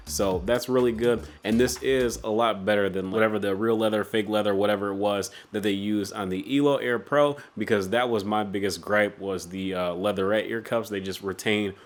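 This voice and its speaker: A man's voice: on the low side, steady tone, moderate pace, hardly any pauses, soft background music. A man with a sick, stuffy-nosed voice hosting a casual, conversational tech product review. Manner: informal, conversational delivery.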